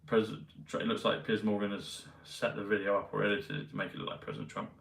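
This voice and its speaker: A man vlogging in a meandering, hesitant casual monologue full of pauses and fillers. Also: fairly low pitch, steady tone, creaky, a bit bright. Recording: roomy, mic at a distance, faint ambience.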